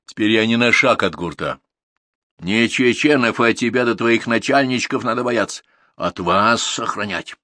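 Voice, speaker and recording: Male reader voicing an angry curt young herder, sharp swings in pitch, blunt and tough, dry close audiobook sound. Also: lively intonation, moderate pace, husky, no room sound. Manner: curt, angry, shouting at times.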